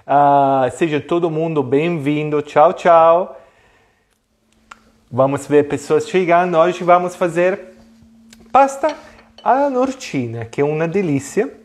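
Male online cooking host, native Italian with Italian accent, thirties, slightly high voice, chatty and hesitant, casual teaching. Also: steady tone, slow pace. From Italy. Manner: chatty and hesitant, mixing Italian greetings into talk. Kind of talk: casual live cooking lesson. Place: home kitchen, indoors. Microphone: clip-on lapel mic.

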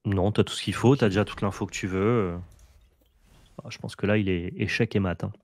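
Male co-host, low voice, dry close sound, patient game coach. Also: steady tone, brisk, dry recording. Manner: coaching, explains plays patiently. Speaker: co-host advising the player. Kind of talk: casual game commentary.

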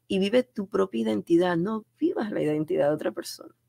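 Speaking Panamanian Spanish, a middle-aged woman from Panama gives a radio studio interview as a guest, repeating phrases to drive her earnest, emphatic points home. Her medium-pitched voice is mellow and expressive, yet has a gravelly, fry-touched edge, and she talks fairly quickly. The recording is close and dry, without any echo.

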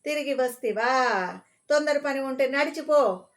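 A woman voicing an irritable middle-aged male railway ticket clerk who scolds gruffly and loudly. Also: high voice, a little slow, pitched above the performer's own voice. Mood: scolding. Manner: gruff, scolding, dialect-heavy.

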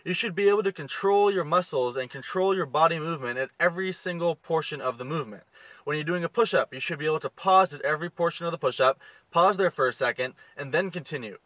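Young guy in his car giving gym tips, bright voice, a bit high, dry close sound. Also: dry recording, low-quality recording. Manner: steady, instructive, step-by-step. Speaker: fitness coach. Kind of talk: direct-to-camera fitness tips. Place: inside a parked car. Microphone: camera close to the face.

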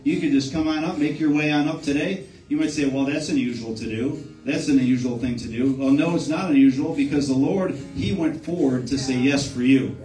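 Pastor, male, slightly high voice, preaching from a distance with instrument music under it. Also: brisk, few pauses. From Buffalo, New York area, US. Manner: repeats amen, restarts phrases, exhorting. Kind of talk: sermon with altar call. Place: church sanctuary. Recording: echoey church room, distant mic, soft music.

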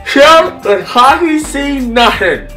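A man in his twenties chatting excitably and swearing during a party game, his words sometimes garbled by a mouthguard. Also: very high voice, slow pace, faint music behind. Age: 20s. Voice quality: speech often garbled by a mouthguard. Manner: excitable, profane. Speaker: challenge participant in a group video. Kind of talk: casual chat in a party game. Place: small carpeted hotel-style living room. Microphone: camera a few metres away.

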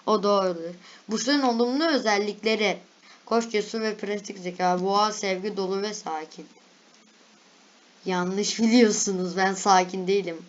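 Young woman vlogger, casual chatty reactions, mid pitch, slightly dull recording. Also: moderate pace. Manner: chatty, reads lists aloud, laughs at herself.

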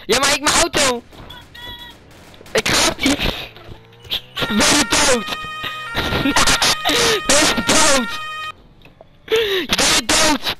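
A male vlogger giving live gaming commentary, making urgent, hurried calls to a teammate. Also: very high-pitched, loud music behind the voice, rough recording.

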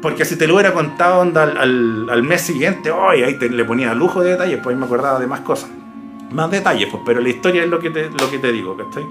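A Chilean man casually telling a personal ghost story, lively and full of slang, imitating sounds as he goes. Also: mid-range voice, quick pace, music in the background. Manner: animated, imitates barks and hoofbeats, slangy. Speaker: YouTuber telling ghost stories.

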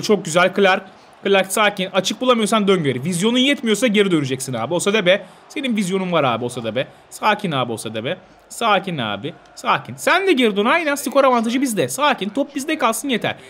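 A young man commentating his own football video game, talking to his players like a coach and shouting when goals go in. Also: high voice. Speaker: gaming video host.

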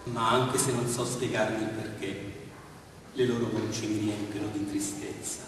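A man voicing a weary, sorrowful young mother who speaks softly and hesitantly. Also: lowish voice, fairly even intonation, normal speed, voice pushed down, lightly acted. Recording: echoey hall, far from mic.

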